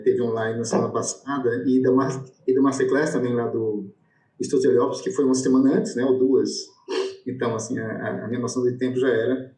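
A man's voice: medium pitch, mellow. A man hosting an online panel, rambling casually with restarts and hesitations. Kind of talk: casual online video call discussion. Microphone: video call. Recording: echoey room on video call.

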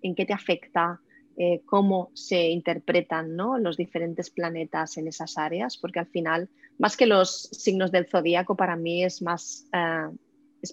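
A woman's voice: lowish voice, steady tone, normal speed. A woman in her forties, an astrologer guest chatting in a podcast interview, hesitant, with many fillers and restarts. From Spain. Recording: muffled lo-fi audio.

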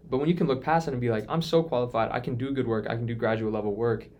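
A man's voice: mid-range voice, rapid-fire, a little mellow, slight background noise. A young man in his early twenties talking in a casual podcast chat, earnest and reflective, often restarting his sentences. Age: 20s. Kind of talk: casual conversation.

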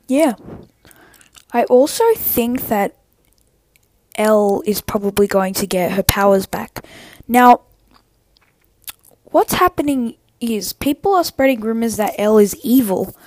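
A young woman sick with tonsillitis, chatting casually and haltingly on a solo podcast, rambling and interrupting herself. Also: a little high, darkish tone. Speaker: podcast host.

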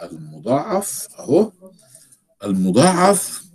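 A man teaching Arabic grammar with an Egyptian accent. He explains step by step and repeats words slowly for stress. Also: a little high, very animated, darkish tone. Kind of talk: recorded grammar lesson.

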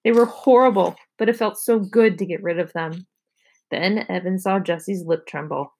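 A woman, a teacher, reading a children's chapter book aloud with expressive narration. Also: on the low side, normal speed. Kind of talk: storybook read-aloud.

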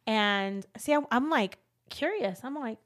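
A woman's voice: fairly high pitch, expressive, measured pace. A middle-aged woman from Los Angeles co-hosting a casual chat, talking animatedly, slipping into accents and laughing often. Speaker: podcast co-host.

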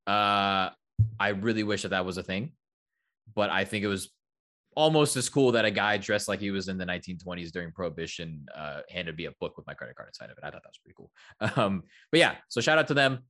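A man's voice: sits low, fast. Rambling young man telling a story. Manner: rambling, repeats words, animated storytelling. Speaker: podcast co-host. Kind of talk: casual chat.

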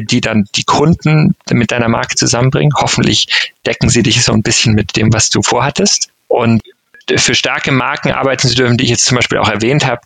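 Gravelly-voiced man, thoughtful interview guest. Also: lowish voice, a bit bright, no echo. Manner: thoughtful, hesitant with fillers, mixes in English business terms. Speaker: marketing director interviewed as guest. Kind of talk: conversational interview answers.

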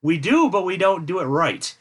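A man's voice: high voice, sing-song, moderate pace, slightly rough. A man hosting a podcast in casual chat, rambling and jokey as he drifts off on tangents. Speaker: podcast host.

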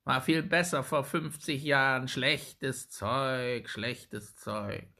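A man voicing a spiteful old crone who mutters slyly in a creaky, croaking voice. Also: medium pitch, pushed and bright, pitched above the performer's own voice, exaggerated voice. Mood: muttering, sly. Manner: muttering, drawn-out, sly.

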